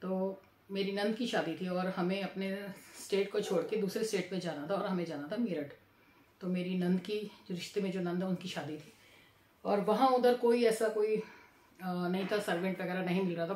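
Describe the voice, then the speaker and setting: A woman's voice: mid-range voice, steady tone, moderate pace, darkish tone. A middle-aged woman vlogger telling a family story to camera in a chatty way, repeating her phrases and acting out her relatives' lines. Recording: echoey room.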